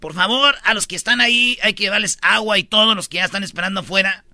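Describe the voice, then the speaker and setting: A man's voice: high voice, fast talker, pushed and bright, no echo, studio quality. A Mexican man co-hosting a radio show with playful, slangy, casual banter.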